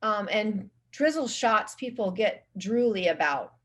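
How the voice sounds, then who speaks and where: A woman chatting as a guest in an interview, talking at an ordinary mid-range pitch. She rambles along with frequent restarts and fillers. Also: animated, a little slow. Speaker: guest social media marketing specialist. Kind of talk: casual conversational interview.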